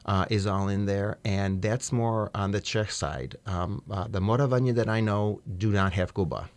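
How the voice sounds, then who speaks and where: As a guest on a radio program, a middle-aged man from the United States keeps up a casual interview chat. His voice is lowish and steady in tone at a moderate pace, and his manner is hesitant yet good-humored, with many fillers.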